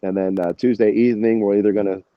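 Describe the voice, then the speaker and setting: An American band musician chats as an interview guest, rambling informally and dropping plenty of "you know" and "man." His voice is on the low side, steady, and fast, and the recording is muffled with no room sound.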